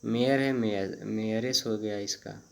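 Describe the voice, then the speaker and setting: A man teaching grammar in Hindi, reading each rule out very slowly, one word at a time, and repeating himself with hesitant fillers. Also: on the low side, fairly even intonation, vocal fry. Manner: explains slowly in Hindi, reads English rules very slowly word by word. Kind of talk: Hindi-medium grammar lesson.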